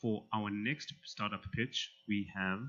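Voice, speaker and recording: A man emceeing a student pitch competition in a casual way, with many fillers between announcements. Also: fairly even intonation, slow, pushed and bright. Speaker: event emcee. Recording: slightly muffled event audio.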